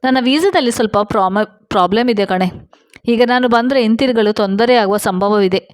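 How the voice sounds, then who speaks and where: A woman's voice: on the high side, normal speed, no echo, studio quality, natural voice. A woman reading the lines of a worried young sister calling from abroad, anxious and apologetic.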